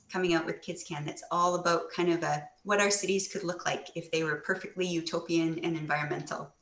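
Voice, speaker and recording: A woman in her forties, a children's author, telling stories and answering questions with lively acted-out quotes. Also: fairly low pitch. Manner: animated storytelling, acts out quoted voices. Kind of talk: book presentation and Q&A. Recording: echoey room, a little off-mic.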